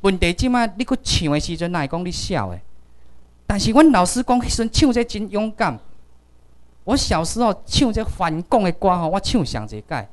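A man with a Taiwanese accent telling a story at a seminar, acting out quoted dialogue in lively voices and switching into Taiwanese Hokkien. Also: high voice. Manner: animated, acts out quoted dialogue. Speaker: speaker at a seminar. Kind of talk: storytelling talk.

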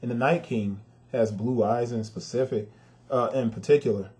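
A man at a middle pitch runs through a casual sneaker review in a warm, dark-toned voice. He talks straight to his viewers, emphatic and plainly frustrated, and often lands on blunt verdicts. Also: normal speed. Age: adult with a son.

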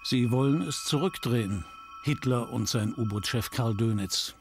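A man narrates a history documentary in a grave, measured delivery. His pitch is medium and his phrases are short and dramatic, with music clearly playing behind. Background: background music.

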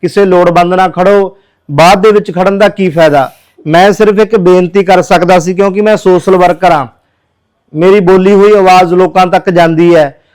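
A man's voice: high-pitched, fairly even intonation, normal speed, darkish tone, clean tone, poor audio. A man who works as a social worker, pleading earnestly with viewers in a charity appeal video.

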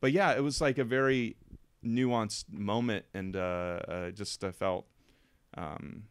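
Speaking unhurriedly in a clear, resonant, lowish voice with no echo, a man co-hosts a podcast. His casual film review chat is rambling and emotional, heavy with fillers.

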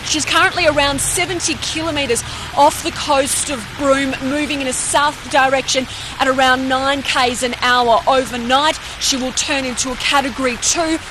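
A young Australian woman delivers a live TV weather report in a high voice. She projects loudly over wind and rain, with clear street and traffic noise behind her. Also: fairly even intonation, moderate pace. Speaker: TV news reporter. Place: outdoors on a flooded town street in rain. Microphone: handheld reporter microphone. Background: rain and passing vehicles.

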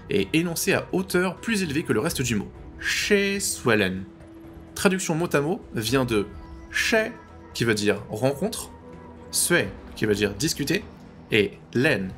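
A man with a mid-pitched voice talks through a language tutorial, patient and clear. He slows down to repeat each sound carefully. Faint music plays underneath. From French-speaking. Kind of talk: explanatory tutorial narration.

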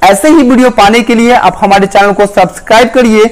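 Guy with a really high voice doing a tech explainer voice-over, earnest and direct with viewers. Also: steady tone, a little fast, poor audio. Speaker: tech channel host.

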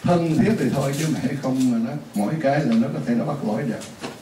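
A man's voice: mid-range voice, lively intonation, quick pace. A man teaching a class, explaining things in a chatty way with repeated examples and asides. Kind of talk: classroom lesson. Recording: roomy, distant mic, faint hiss.

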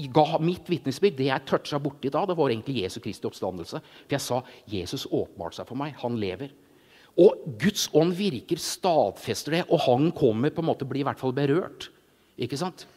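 A middle-aged man gives an informal sermon testimony, telling his story in an animated way and acting out voices. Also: a little high. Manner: animated storytelling, acts out voices, frequent "ikke sant". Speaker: preacher. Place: large church hall. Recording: reverberant church hall.

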